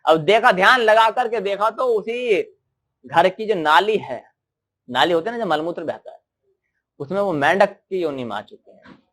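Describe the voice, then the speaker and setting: Brief: male sermon storyteller, high voice, lively and questioning. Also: moderate pace. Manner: animated, asks the listeners questions. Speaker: storyteller preacher.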